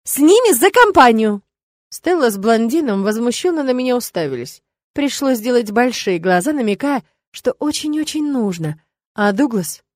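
A woman narrating a first-person audiobook in a lively, expressive way. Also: fairly high pitch, normal speed, no room sound, clean studio sound.

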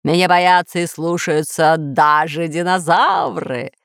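A woman's voice: on the low side, fairly even intonation, a little slow, clean tone, dry recording, studio quality. A woman voicing a boastful, villainous male scientist who rules dinosaurs, pompous and threatening in a storybook reading. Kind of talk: storybook narration.

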